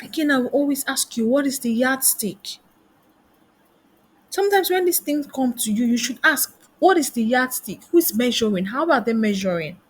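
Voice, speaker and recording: Husky and high-pitched, this woman speaks expressively at a moderate pace. She is a career coach and trainer giving a motivational lesson, asking question after rhetorical question.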